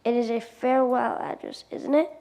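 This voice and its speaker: Woman reading narration in an amateur skit, soft mellow tone, bit halting. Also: a little high, steady tone, gravelly. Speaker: reader in a congregational skit. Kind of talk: scripted narration read aloud in an amateur play.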